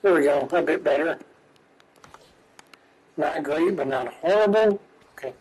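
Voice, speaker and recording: A man's voice: fairly high pitch, unhurried, darkish tone, slightly rough, poor audio. A man playing a video game on stream, chatting casually, reading in-game text aloud and chuckling often. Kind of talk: casual gameplay commentary.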